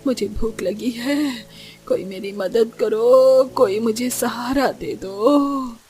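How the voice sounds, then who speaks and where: Cartoon old beggar woman, slow pleading voice, somewhat high. Actress plays her. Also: warm tone, faint music behind. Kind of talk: cartoon story voice acting.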